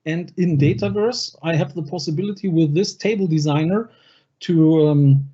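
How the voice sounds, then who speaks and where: A presenter at an online user group event giving a live software demonstration, talking through each click step by step over a video call microphone. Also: medium pitch, normal speed, muffled recording.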